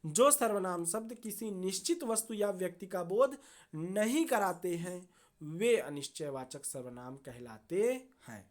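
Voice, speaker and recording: Slow, low-voiced woman teaching grammar. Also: animated, a little mellow. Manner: slow, deliberate, repeats and checks with "thik hai". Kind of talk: classroom grammar lesson.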